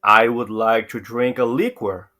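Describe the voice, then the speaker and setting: A man teaching English to Portuguese speakers, saying each model phrase slowly and repeating it for practice. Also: mid-range voice, steady tone, pushed and bright.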